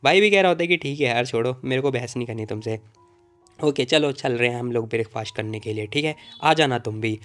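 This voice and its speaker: A man's voice: medium pitch, brisk, a bit bright, faint music behind. A man narrating a comic story recap in a casual, chatty way, with jokey asides to the audience.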